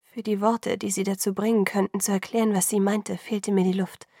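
Woman reading a novel aloud, measured, mid pitch, dry close mic. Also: flat delivery, mellow, no echo. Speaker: audiobook narrator. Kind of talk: scripted first-person narration.

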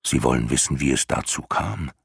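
A man voicing a calm, wise dragon in an audiobook, speaking low and measured, sometimes hushed. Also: creaky, slightly rough, dry recording, clean studio sound, full character voice. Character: calm wise luck dragon, listening and translating.

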